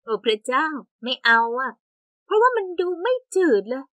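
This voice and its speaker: Bright, lively young woman storyteller. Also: high-pitched, moderate pace, no room sound. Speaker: narrator. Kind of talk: storybook narration.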